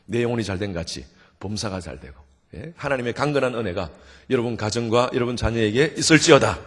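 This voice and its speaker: A middle-aged male pastor preaching at a revival meeting, lively and joking, having the congregation repeat after him. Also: medium pitch, quick pace. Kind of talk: sermon. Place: church sanctuary. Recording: long church hall reverb.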